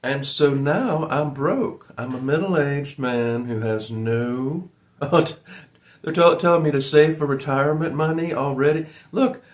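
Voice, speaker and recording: A man in his forties from Virginia, talking to his viewers in a meandering way, full of ums and uhs, and often calling them "folks". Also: mid-range voice. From Virginia, USA. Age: 40s. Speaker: vlogger. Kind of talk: rambling personal monologue to viewers.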